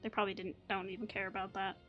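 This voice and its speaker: A woman's voice: mid-range voice, little pitch movement, racing, muffled recording, soft background music. A woman casually commenting while playing a video game, playful and giggly with joking asides, game audio behind her. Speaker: gaming streamer. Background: game soundtrack.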